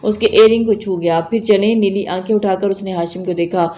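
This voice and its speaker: A woman reading a romance novel aloud in a steady, calm storytelling voice. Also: mid-range voice. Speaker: novel reader.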